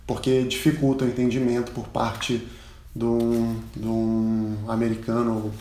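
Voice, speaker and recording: A Brazilian man, a pilot, giving a casual spoken lesson, chatty and full of anecdotes, repeating the words he teaches loudly. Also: medium pitch, roomy sound, slight background noise. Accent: Brazilian Portuguese. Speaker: pilot and aviation English instructor.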